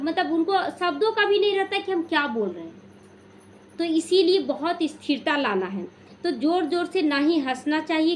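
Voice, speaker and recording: Calm high-voiced woman giving devotional talk. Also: a little hiss or hum. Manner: slow, calm, instructive, with restarts and stories. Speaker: spiritual teacher.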